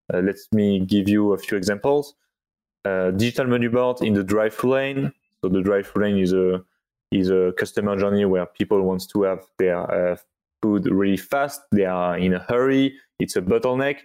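Low-voiced man explaining haltingly. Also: a little mellow, clean tone. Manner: halting, searching for words, non-native phrasing. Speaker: podcast guest, company product executive. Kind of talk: explanatory interview answers.

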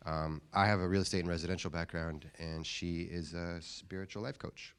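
A man's voice: deep voice, fairly even intonation, normal speed, smooth. A man from the USA with a real estate background introducing himself and his wife to a group, friendly and a little sheepish.

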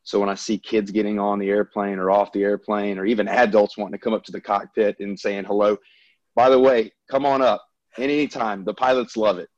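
A man's voice: lowish voice, level tone, a little fast, dry recording, dull audio. A man from Louisiana, an airline pilot talking in an easygoing, upbeat interview chat. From Louisiana, US South.

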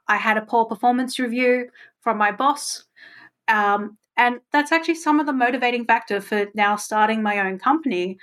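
A woman's voice: on the high side, a bit bright. A woman speaking as a podcast guest, talking openly and thoughtfully with frequent ums. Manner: open, reflective, with frequent ums. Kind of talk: casual interview chat.

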